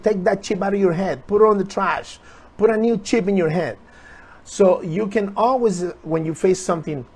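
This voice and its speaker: High-voiced earnest motivational man. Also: darkish tone, breathy edge. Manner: earnest, repetitive, urging viewers. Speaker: motivational speaker. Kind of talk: motivational talk on a live stream.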